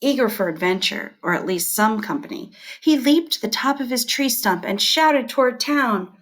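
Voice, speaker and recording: A woman teacher whose voice sits on the high side reads educational material from a script, keeping it clear, deliberate, and expressive.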